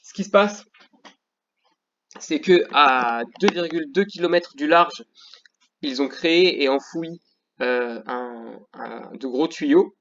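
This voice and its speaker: A man's voice: on the high side, slow, pauses often, a bit bright, muffled recording. A male teacher talking through a slideshow lesson, hesitant, with many fillers and restarts.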